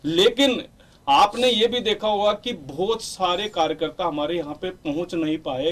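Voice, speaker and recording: A man with a notably high voice argues his party's case in a heated televised debate. He speaks forcefully and repeats his points in a campaign-style way. He sounds set back from the microphone. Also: recorded from a distance. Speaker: youth wing party spokesman.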